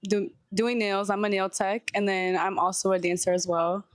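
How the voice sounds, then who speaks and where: A woman's voice: mid-range voice, flat delivery, normal speed, dry recording, studio quality. A woman from Massachusetts, a dancer and nail tech, answering interview questions in a bubbly, chatty way.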